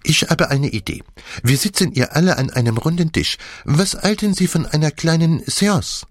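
A man's voice: a little high, lively intonation, moderate pace, no room sound, pitched above the performer's own voice. A man voicing a fussy, theatrical older male detective in an audiobook, speaking in a prim, coaxing way. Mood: eager. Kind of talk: audiobook character voice.

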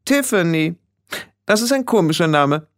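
A man's voice: sits high, lively intonation, moderate pace, pitched above the performer's own voice. A man doing a haughty, bossy teenage witch girl. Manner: imperious, condescending, clipped. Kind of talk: audiobook character voice.

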